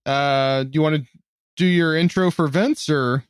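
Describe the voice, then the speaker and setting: A man's voice: on the high side, measured pace, clean tone, no echo. Easygoing man host, dry close sound. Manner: easygoing, brief responses. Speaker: podcast host. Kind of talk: casual interview.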